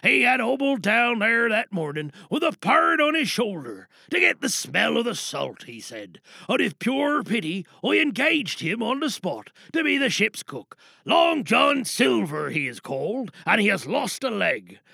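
A stiff, formal cartoon man reads slowly and carefully. His tone sits lower than the others but still carries a gravelly edge. The sound is dry. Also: sing-song, bright, forceful tone, no room sound, exaggerated voice. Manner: measured, formal reading.

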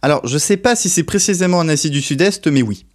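A man's voice: fairly high pitch, lively intonation, quick pace. A man hosting a casual group show and running a guessing game, laughing and exclaiming often. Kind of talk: casual chat among friends, animated.

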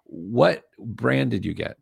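A man with a hoarse, gravelly voice that is giving out, hosting a casual podcast in a jokey, self-deprecating way. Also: mid-range voice, very animated, slow, no room sound, studio quality. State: losing his voice. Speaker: podcast host.

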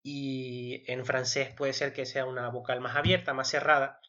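Bright-voiced man explaining, lo-fi sound. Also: mid-range voice, level tone, normal speed. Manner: thinks aloud with fillers and tag questions. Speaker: podcast co-host. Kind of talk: casual explanatory chat.

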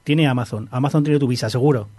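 A man's voice: medium pitch, fast, a little mellow, no room sound. A man co-hosting a casual podcast, talking in a wry, teasing way. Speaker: podcast co-host. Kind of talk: casual chat.

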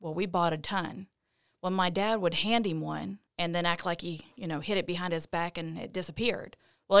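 A woman with a smooth, slightly low voice speaks as a podcast guest. She tells personal stories casually, in a dry recording. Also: a bit bright, dry recording.

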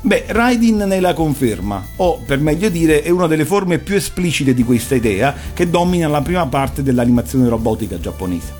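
A man's voice: on the high side, sing-song, normal speed, few pauses. A man giving an erudite, didactic commentary on animation. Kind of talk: explanatory talk, analysing cartoons. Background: soft music.

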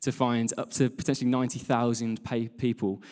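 A darkish, medium-pitched male voice, level in tone and fairly quick, belongs to a British worship leader giving a chatty, jokey sermon. He engages the congregation in a large church hall with questions, in a live recording full of reverberation.

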